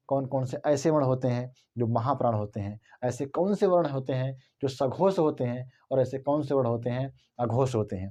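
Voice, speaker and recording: A man's voice: mid-range voice, mellow. A male Hindi teacher giving an explanatory lesson, repeating his points and asking himself rhetorical questions.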